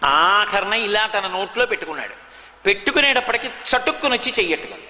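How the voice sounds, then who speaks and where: High-voiced man giving a sermon. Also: fast talker, slight background noise. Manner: animated, emphatic storytelling. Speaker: spiritual discourse speaker. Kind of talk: devotional sermon with storytelling. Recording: echoey hall, long reverb.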